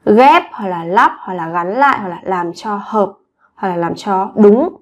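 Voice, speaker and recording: A woman teaching Korean vocabulary to Vietnamese learners, saying each word slowly and clearly and repeating it several times. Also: mid-range voice. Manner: slow, clear word-by-word repetition. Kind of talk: vocabulary drill lesson.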